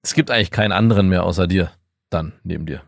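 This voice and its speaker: Low gravelly man in frank chat. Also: quick pace, no room sound, studio quality. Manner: candid, reflective, hesitant restarts. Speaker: podcast co-host. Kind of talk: casual chat.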